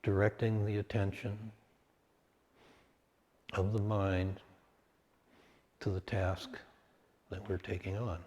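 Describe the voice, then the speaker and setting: A man guides a meditation in calm, measured short phrases separated by long pauses. His pitch is fairly low.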